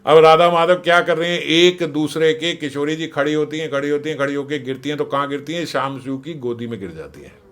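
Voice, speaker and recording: A man giving a devotional scripture discourse, animated, acting out the dialogue and often laughing. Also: fairly high pitch, fairly quick, hardly any pauses. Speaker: devotional storyteller.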